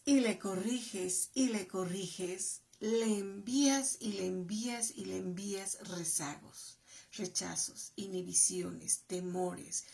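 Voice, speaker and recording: A middle-aged woman giving parenting advice in a slow, emphatic way. She repeats phrases and drops to a whisper to stress a point. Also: medium pitch, darkish tone. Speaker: parenting educator and channel host. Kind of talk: parenting advice talk to the camera.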